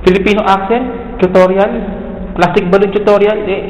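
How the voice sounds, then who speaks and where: A man answering a prank phone call, loud, puzzled and exasperated. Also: high voice, flat delivery, moderate pace. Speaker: call recipient in sketch. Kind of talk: comedic phone sketch. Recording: distant voice, long reverb, clear noise.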